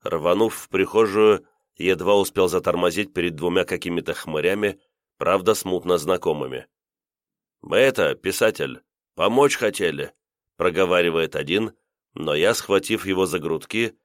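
Deep-voiced male audiobook narrator. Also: steady tone, moderate pace, no room sound, clean studio sound. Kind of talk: first-person audiobook narration.

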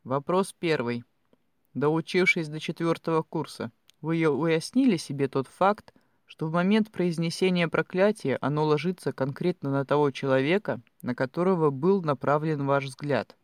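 A man's voice: fairly high pitch, moderate pace, no room sound, studio quality, natural voice. A man voicing a stern male academy director who hisses his questions with barely restrained rage. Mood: cold fury.

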